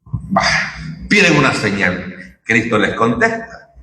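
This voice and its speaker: This pastor speaks in a lowish, sing-song voice at a slow pace, sounding pushed and bright. He preaches conversationally, constantly tossing in tag questions like "right?" and "you understand?" The recording is reverberant and distant from the mic, with a little hiss or hum.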